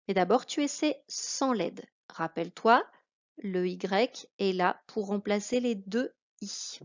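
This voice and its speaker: A woman with a French accent teaching a reading lesson to a child, speaking slowly and carefully. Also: mid-range voice. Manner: slow, careful, addressing a child. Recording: dull lo-fi recording.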